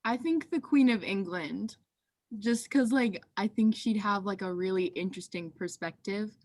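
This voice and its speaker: A young woman speaks as a guest in a casual interview, answering chattily with giggles and thought behind her picks. Her voice sits at a middle pitch and sounds dry and close, with little room around it. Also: moderate pace, no room sound. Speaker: guest, lacrosse player.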